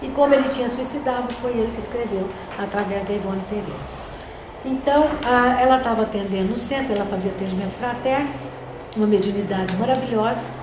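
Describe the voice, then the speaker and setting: A woman's voice: on the high side, quick pace. An older woman leading a spiritist study group, telling stories conversationally and often tagging phrases with a questioning "né?". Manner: anecdotal, conversational, frequent "né?". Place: meeting room of a spiritist center. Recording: roomy echo with background noise.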